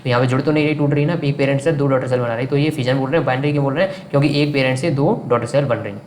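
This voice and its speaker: A man's voice: mid-range voice, darkish tone. A man teaching a science lesson who keeps asking questions and answering them himself, and repeats the key terms. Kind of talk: classroom science lecture. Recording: echoey room with faint background noise.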